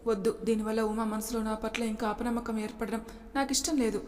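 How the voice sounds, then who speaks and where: A woman's voice: fairly high pitch, fairly even intonation, a little fast, a little mellow, close to an everyday voice. A woman voicing a young husband who sweet-talks and turns hesitant when pressed, with a long reverb on the recording. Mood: anxious.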